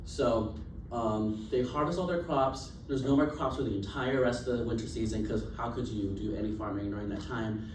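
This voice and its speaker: Recorded from a distance in a noisy, echoey classroom, a young man delivers a relaxed class presentation. His mid-range voice has a darkish tone, and he moves at a moderate pace with few pauses. He's chatty, laughing easily and using plenty of fillers.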